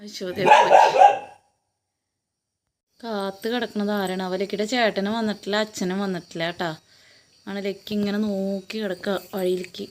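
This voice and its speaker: A woman's voice: medium pitch, flat delivery, a little fast, a little hiss or hum. A Malayali woman vlogging, coaxing and scolding her pet dogs in singsong baby talk. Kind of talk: casual chat to pets.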